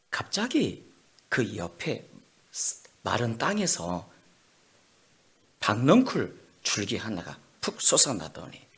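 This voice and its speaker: Dramatic male pastor with a husky voice. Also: mid-range voice. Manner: dramatic storytelling, from hushed asides to loud bursts. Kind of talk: sermon.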